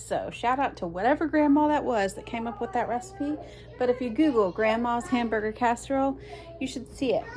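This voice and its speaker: A woman, chatting casually to viewers in a rambling vlog with lots of fillers. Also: fairly high pitch. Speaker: vlogger, mother of six. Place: in a car, then at home.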